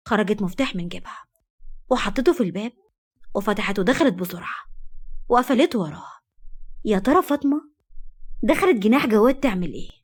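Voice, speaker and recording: A woman with an Egyptian accent narrating a dramatic story in a brisk, expressive storytelling style. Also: medium pitch.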